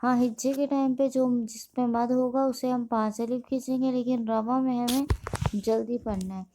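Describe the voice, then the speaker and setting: A woman teaching a step-by-step Quran reading lesson, her tone warm and mellow and her pitch a little high. She speaks in an even, level way with little rise and fall. She moves from brisk explanations to slow, careful syllable-by-syllable drills.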